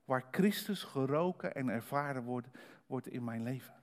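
A man preaching a sermon, building from calm reflection to rising, emphatic preaching. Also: medium pitch, normal speed. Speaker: pastor.

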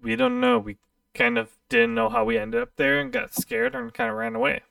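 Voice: medium pitch, level tone, creaky, fairly bright tone, clean tone, no echo, clean studio sound, recorded from a distance, pitched above the performer's own voice. A game master voicing a group of nervous freed cultists who stammer and hesitate. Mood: timid, grateful. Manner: hesitant, halting with ums.

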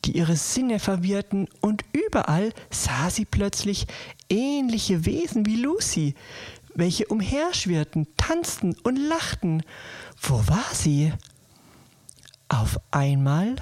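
Woman storyteller, bedtime story, breathy half-whisper, slow and lively in melody, dry close mic. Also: mid-range voice, no room sound. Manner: soft, slow, soothing.

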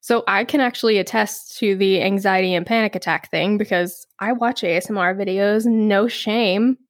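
A woman's voice: medium pitch, normal speed, no room sound. A woman co-hosting a podcast in casual chat, chatty and reading research notes aloud. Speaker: podcast co-host.

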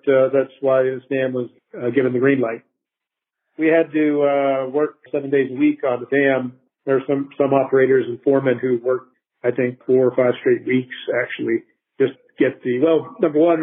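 Man, interview guest, bad phone line, tinny narrow sound, slightly rough voice, hesitant explanations. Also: medium pitch. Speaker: interviewee, dam quality control specialist. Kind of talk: casual explanatory interview answers. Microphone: phone call.

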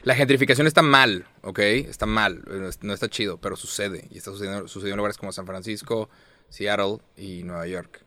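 A man's voice: on the low side, fairly quick, pushed and bright. A young Mexican man co-hosting a podcast, joking loosely and using crude slang. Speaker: podcast co-host. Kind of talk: casual chat.

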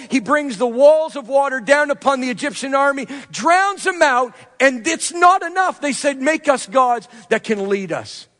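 A man preaching a sermon with a strikingly high-pitched voice. He swings between loud, emphatic lines and quiet, hushed asides. His voice rings out with a long reverb, as in a large hall. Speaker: pastor.

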